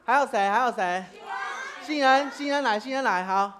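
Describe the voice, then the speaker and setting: A woman's voice: on the high side, moderate pace, a bit bright. Playful woman preacher with children. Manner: playful, bossy, often laughing. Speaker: preacher leading a children's activity. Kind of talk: children's sermon game, giving commands. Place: church sanctuary.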